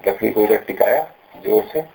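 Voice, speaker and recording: A man teaching pronunciation, explaining patiently and slowing down to stress syllables when he demonstrates. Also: fairly low pitch, expressive, creaky, dark tone, rough recording. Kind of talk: explanatory lesson with recited examples.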